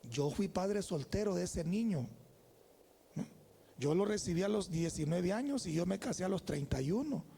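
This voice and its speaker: A man's voice: high voice, lively intonation, moderate pace, creaky, mellow, breathy edge. A man in his forties with a Salvadoran accent, preaching as a guest pastor, telling personal stories in an emphatic, conversational way and calling out "amén" to the congregation. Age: 40s. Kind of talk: sermon with personal storytelling. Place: church.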